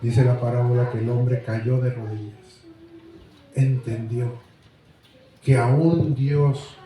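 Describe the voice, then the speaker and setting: A man's voice: mid-range voice, fairly even intonation, slow, noisy background. A male preacher, telling a parable in a sermon and putting questions to the congregation. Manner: dramatic, addresses the congregation with questions. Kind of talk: sermon storytelling. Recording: very echoey room.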